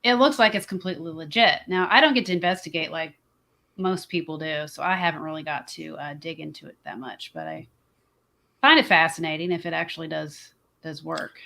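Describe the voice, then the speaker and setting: A woman's voice: deep voice, animated, a little fast, vocal fry, pushed and bright. A woman hosting a show, chatting casually over a video call and giving frequent short affirmations. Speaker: show host. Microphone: video call microphone.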